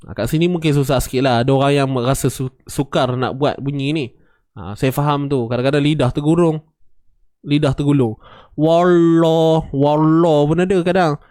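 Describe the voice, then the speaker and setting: A man's voice: medium pitch, brisk, darkish tone, no room sound, studio quality. A man teaching Quran recitation rules, patiently demonstrating and repeating sounds for his students. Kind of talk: tajwid lesson with recited examples.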